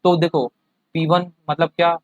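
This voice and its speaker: Male tutor, higher voice, patient classroom explainer, dry muffled recording. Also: level tone, normal speed, dry recording. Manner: explains with everyday examples and keeps checking understanding. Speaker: teacher. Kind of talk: classroom chemistry lecture.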